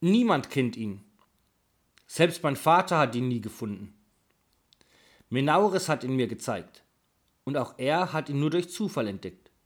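A man's voice: mid-range voice, lively intonation, measured pace, pauses often, lightly acted. A man reading aloud as a curious, eager teenage boy, in his own plain voice.

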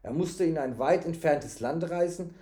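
A man reads a children's adventure story aloud at an even, calm pace. He sounds patient and adds small explanations. His voice sits slightly high for a man. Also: moderate pace. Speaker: reader reading a story to a child. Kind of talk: reading a children's book aloud.

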